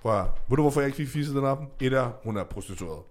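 Animated young Danish man telling wild stories. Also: mid-range voice. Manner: animated, swearing, acts out voices in English. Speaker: podcast co-host. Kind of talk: casual storytelling chat.

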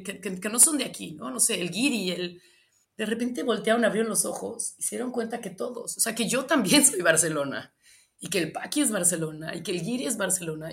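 A young Mexican woman who grew up in Michoacán, answering interview questions and telling stories with lively, acted-out quotes. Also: medium pitch. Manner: animated storytelling, acts out quoted lines.

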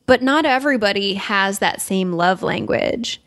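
A woman's voice: medium pitch, lively intonation, a little slow, fairly bright tone, no echo, clean studio sound. A young woman co-hosting a podcast, talking casually and giving earnest advice. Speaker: podcast co-host. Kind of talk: casual chat.

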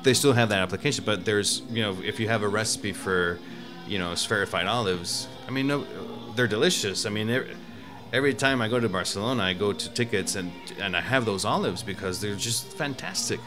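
This Mexican-born guest talks fairly fast in a rather low voice while music plays. His casual chat about cooking and food wanders, full of fillers and false starts.

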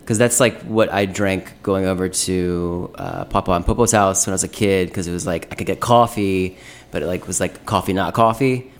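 A man's voice: deep voice, fairly even intonation, normal speed, a little hiss or hum. A man guest on a podcast, talking casually and hesitantly, with many fillers.

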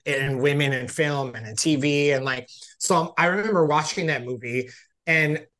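A man's voice: a little high, a bit bright. A man in his forties hosting an interview, asking long, rambling questions full of fillers. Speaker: host. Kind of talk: interview chat.

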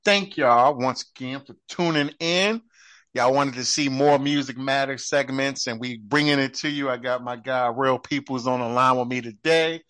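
A man's voice: mid-range voice, a bit bright, no echo. A male podcast host, chatting in a friendly, slangy way. His voice is recorded dry and close, with no room sound. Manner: friendly, slangy, quick affirmations. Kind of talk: casual interview.

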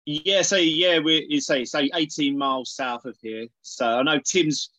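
A man's voice: on the high side, fairly even intonation, unhurried, bright, forceful tone, no room sound. A middle-aged man with an Essex accent talking casually as an interview guest, hesitating and repeating words as he thinks. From Essex, England. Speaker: podcast guest, organic dairy farmer.

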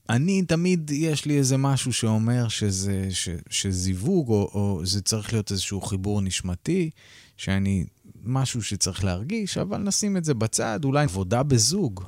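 A man's voice: mid-range voice, darkish tone, no echo. A man hosting a podcast in a studio, leading the talk in a conversational, reflective way. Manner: conversational, reflective, open about himself. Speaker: podcast host. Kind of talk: casual interview chat.

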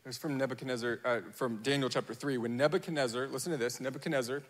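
A man preaching a sermon in a lively storytelling manner, acting out the people of a Bible story in their own voices. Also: mid-range voice, quick pace, big-room sound. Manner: animated storytelling, acting out Bible figures in quotes. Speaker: pastor.

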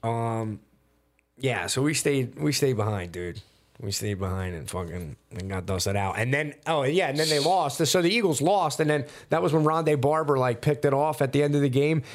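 A man's voice: medium pitch, normal speed. A man telling a long, rambling story in casual chat, swearing freely and filling his sentences with "like" and "um.". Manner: rambling storyteller, heavy swearing and many fillers. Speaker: podcast guest telling a story.

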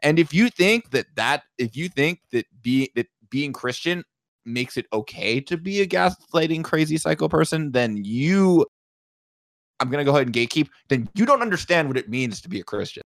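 Young co-host, animated and emphatic, ranting in casual chat, dry close sound. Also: medium pitch, moderate pace, no room sound. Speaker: podcast co-host.

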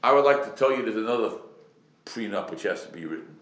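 Speaking fast with lively intonation in a voice on the low side, a rabbi delivers a Torah lecture to a live audience as a sermon. His emphatic style features rhetorical questions, repeated phrases, and a mix of Hebrew and Yiddish terms, and the room is echoey.

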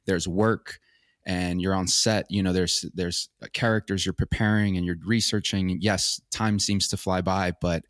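A man's voice: low voice, fairly even intonation, unhurried, fairly bright tone, dry recording, clean studio sound. A young man, an actor being interviewed, speaking casually with many fillers and restarts. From grew up in Florida, born in El Salvador.

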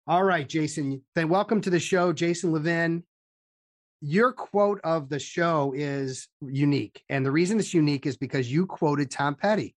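Jokey guy hosting a podcast, casual chat, slightly high voice, really dry sound. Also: normal speed, dry recording. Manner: jokey, informal. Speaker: podcast host.

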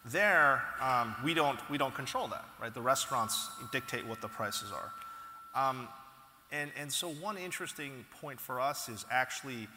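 A man being interviewed as a company founder, telling stories in an animated, casual way with frequent restarts. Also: medium pitch, a little slow, slight background noise. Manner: animated storytelling, frequent restarts and "you know". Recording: echoey hall with long reverb.

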